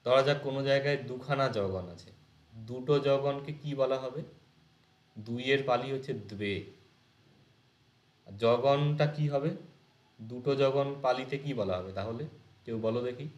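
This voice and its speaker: A man's voice: medium pitch, a little slow, pauses often. Echoey male tutor explaining step by step. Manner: explains step by step, asks students questions. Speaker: teacher. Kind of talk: exam-prep lecture.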